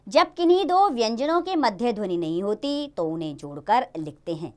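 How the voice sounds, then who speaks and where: A woman teaching a Hindi grammar lesson to young children in a lively, sing-song way. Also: on the high side, normal speed.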